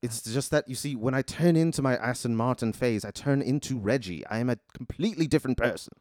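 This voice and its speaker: A man's voice: mid-range voice, quick pace, darkish tone, no echo, clean studio sound, close to an everyday voice. A man voicing a very proper, polite English robot butler who speaks in a formal, apologetic way. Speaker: game master. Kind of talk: improvised tabletop storytelling.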